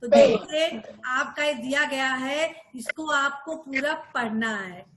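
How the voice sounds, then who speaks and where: A woman's voice: high-pitched, slow. A woman school teacher giving an online grammar class, explaining patiently and often checking that her students follow. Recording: echoey room with clear background noise.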